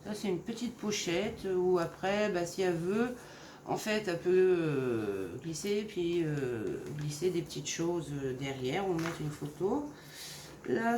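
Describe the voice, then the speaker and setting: A woman from Normandy in France, casually showing her handmade crafts in a gentle, hesitant way with many fillers. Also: on the low side. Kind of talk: casual craft show-and-tell. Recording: roomy echo, faint background noise.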